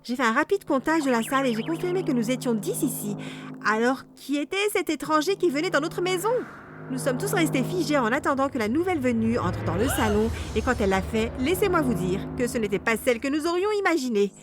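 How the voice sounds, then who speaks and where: A high-voiced woman narrates an animated storytime in a dramatic, exclamatory way. Loud background music plays under her voice throughout. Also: fairly quick. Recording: music playing behind.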